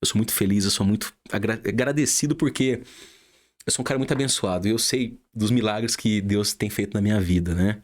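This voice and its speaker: Heartfelt Brazilian radio announcer. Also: male voice, lowish voice, a little fast. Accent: Brazilian Portuguese. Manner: emphatic, heartfelt storytelling. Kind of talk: casual interview chat.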